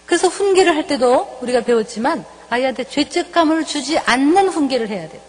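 A middle-aged woman professor giving a parenting lecture, lively and acting out parent and child lines in shifting voices. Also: high voice, a little fast. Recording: lecture hall with long reverb.

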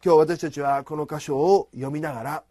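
A middle-aged man preaching a sermon in a formal, measured way, rising for emphasis. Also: a little high, fairly even intonation, dark tone, no room sound, clean studio sound. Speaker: pastor.

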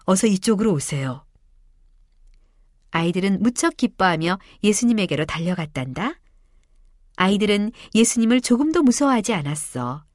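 A woman narrating a Bible story for children, talking to them directly with warmth. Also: mid-range voice, dry recording, studio quality. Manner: warm, expressive, addressing children.

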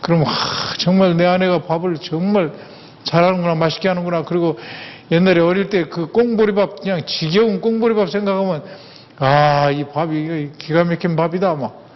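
A man's voice: fairly high pitch, fairly even intonation, moderate pace. An older man giving a humorous lecture, folksy and anecdotal, repeating words for emphasis. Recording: echoey hall, dull sound, faint ambience.

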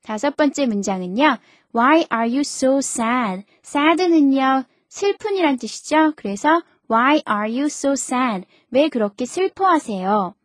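A woman teaching a language lesson on the radio, her voice pitched a little high and recorded dry and close. She explains each point with patience and reads every example sentence slowly and clearly. The delivery is scripted and even. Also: dry recording. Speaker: radio English teacher and host.

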